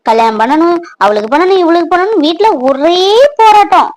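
A woman's voice: extremely high pitch, brisk. A young woman, playing a playful, chatty village girl wary of her strict family. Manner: playful and chatty, lively intonation. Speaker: actor in a family fan drama. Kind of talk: village romance drama acting.

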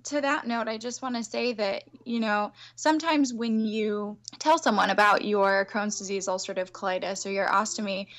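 A woman's voice: mid-range voice, fairly even intonation, moderate pace, hardly any pauses, a bit bright. A woman guest on a podcast who speaks in a confident, matter-of-fact, upbeat way. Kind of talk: conversational podcast interview.

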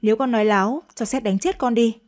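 A woman's voice: on the high side, quick pace, a little mellow, close to an everyday voice. A woman reading a radio story, voicing a crude, scornful young husband with a cold, mocking way of talking. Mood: pleading.

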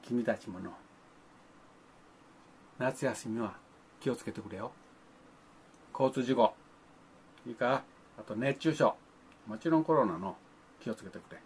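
A man's voice: medium pitch, a little slow, pauses often, slight background noise. Folksy grandfatherly older man. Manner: grandfatherly, old-fashioned speech, playful sound effects. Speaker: vlogger talking to children. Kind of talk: folksy monologue to the camera.

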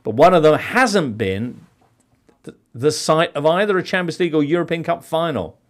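A man's voice: a little high, lively intonation, normal speed. A man hosting a football quiz on a podcast, reading questions in a playful, theatrical way. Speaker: quiz host.

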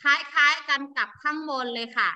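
Woman teacher, higher voice, very bright tone, patient online class drilling. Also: moderate pace. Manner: patient, drills pronunciation, calls on students. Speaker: Chinese teacher.

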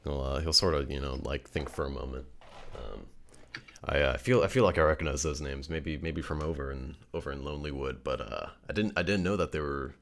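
A man's voice: rumbling low, brisk, gravelly, slight background noise. A man narrating as game master of a tabletop game, rambling with many fillers and repeated words.

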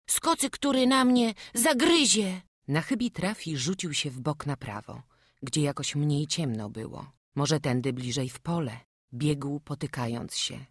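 A woman narrating a children's storybook audiobook in a calm, even storytelling manner. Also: extremely low pitch, slightly rough, dry recording, clean studio sound. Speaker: audiobook reader.

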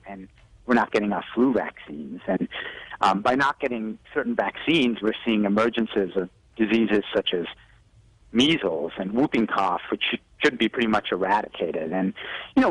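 This doctor speaks in a lowish voice with a breathy edge, recorded roughly and without echo. Calling in live to a TV news broadcast as a guest expert, he gives health advice and leans on "you know" a lot.

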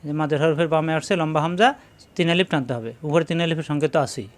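A man teaching Quran reading, spelling each syllable aloud and then chanting the joined words in a slow, drawn-out tune. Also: fairly high pitch. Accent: Bangladeshi Bengali. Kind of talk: slow letter-by-letter recitation lesson.

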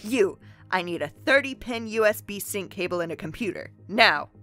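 A woman's voice: fairly low pitch, lively intonation, takes it slowly, fairly bright tone, soft background music. A woman voicing a stern, battle-scarred female time traveler who growls and barks orders.

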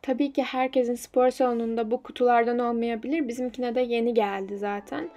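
A woman's voice: fairly high pitch, fairly even intonation, brisk, dark tone, faint music behind. A young woman vlogger talking casually and explaining a workout step by step in an instructive, slightly self-deprecating way. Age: young adult. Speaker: fitness vlogger.

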